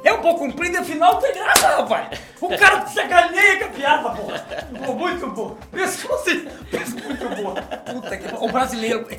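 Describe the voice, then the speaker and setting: Boisterous, high-voiced talk show host man. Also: big pitch swings, reverberant, music in the background. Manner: boisterous, swearing, quick to laugh. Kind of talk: casual talk show chat.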